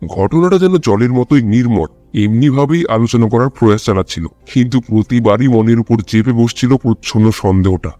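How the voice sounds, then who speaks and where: A man narrating an audio story in a calm, first-person telling. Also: mid-range voice, a little fast, few pauses, no room sound.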